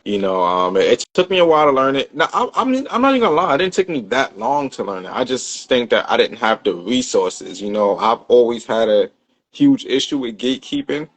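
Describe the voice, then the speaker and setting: A man's voice: mid-range voice, big pitch swings, a little fast. A man talking as a guest in a casual chat, loose and full of fillers and restarts.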